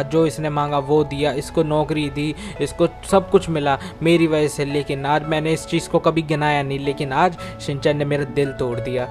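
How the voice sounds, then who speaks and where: A man narrating a game role-play as a gaming host, telling it in an emotional, heartbroken way. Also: a little high.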